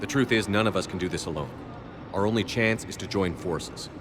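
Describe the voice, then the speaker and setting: A man's voice: low-pitched, a little fast, background noise, lightly acted. A man playing a pragmatic, determined military commander in a video game, direct and no-nonsense. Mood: persuasive. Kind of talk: cinematic video game acting. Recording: game music behind the voice.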